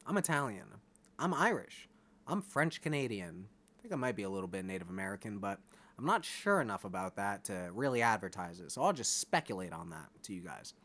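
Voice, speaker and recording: A vlogger delivers an unscripted, blunt and profane monologue to camera, often checking in with his viewers by asking "all right?". His voice sits on the low side with big pitch swings, a slightly quick pace, and a fairly bright tone.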